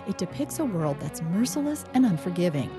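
A woman's voice: lowish voice, very animated, brisk, music in the background. A woman reporter narrating a scripted radio news feature.

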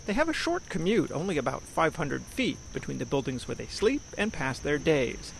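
A man's voice: on the high side, sing-song, moderate pace, vocal fry, slight background noise, rough recording. An American man reporting for radio news, narrating a scripted feature.

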